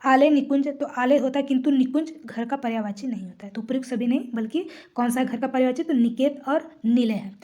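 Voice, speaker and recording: Female grammar tutor, high and warm-toned voice, walks through exam answers in a rhetorical question-and-answer style. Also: brisk, hardly any pauses, highs cut off. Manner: explanatory, asks rhetorical questions and answers them herself; clears her throat now and then. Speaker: Hindi grammar teacher. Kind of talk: exam-prep lesson, working through mock test questions.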